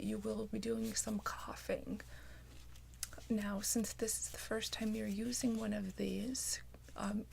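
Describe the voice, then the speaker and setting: A woman doing a whispered role-play as a caring nurse, with a gentle, reassuring bedside manner. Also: on the high side, gravelly, slight background noise. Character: caring, attentive female nurse. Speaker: ASMR performer playing a nurse.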